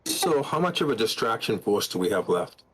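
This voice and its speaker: A man at an online tabletop game with a lowish voice, putting forward short, practical questions about tactics. He talks in a casual, matter-of-fact way. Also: sing-song, moderate pace, a bit bright, slight background noise, rough recording. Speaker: player.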